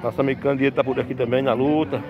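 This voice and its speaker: A man's voice: mid-range voice, steady tone, racing, dull audio. A man vlogging as he walks through an outdoor cattle market, chatting to his viewers and tagging his phrases. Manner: chatty, addresses viewers as pessoal, tags phrases with viu. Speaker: vlogger touring a cattle fair. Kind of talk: casual walking vlog to viewers. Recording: outdoor market with clear crowd noise. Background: crowd and cattle noise.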